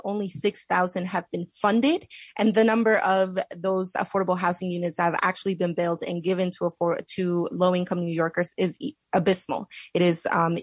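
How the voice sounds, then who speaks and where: A woman's voice: fairly low pitch, dry recording. A woman hosting an unscripted live interview, talking conversationally with hesitant phrasing as she takes calls and puts questions. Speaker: interview host.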